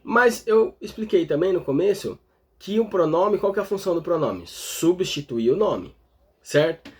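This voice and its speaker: A man's voice: sits high, expressive, moderate pace, husky. A man from Brazil with a Brazilian Portuguese accent, teaching an English grammar lesson step by step and often checking in with the viewer. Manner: explains step by step, constantly checking in with the listener. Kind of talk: explanatory online lesson.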